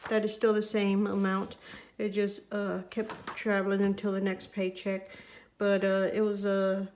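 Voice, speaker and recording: A middle-aged woman with a squeaky voice talks casually through household finances, thinking aloud in a halting way. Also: a little mellow. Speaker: budget vlogger.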